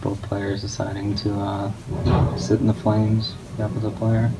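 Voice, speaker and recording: A man giving low-key, monotone play-by-play commentary on a competitive match as a guest commentator. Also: moderate pace, gravelly. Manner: not much of a talker. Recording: steady background noise.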